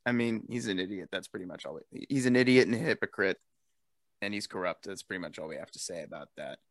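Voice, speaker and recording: A man's voice: low-pitched, no echo, clean studio sound. A young man co-hosting a casual political podcast, talking loosely with lots of "like" and frequent laughter. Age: young adult. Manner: chatty, peppered with "like", quick to laugh. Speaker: podcast co-host.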